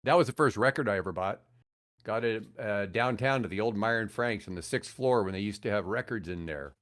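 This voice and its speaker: This former radio broadcaster in his sixties has a fairly low, slightly bright voice and talks fairly quickly. As a podcast guest he tells casual stories, wandering off and circling back to put things another way.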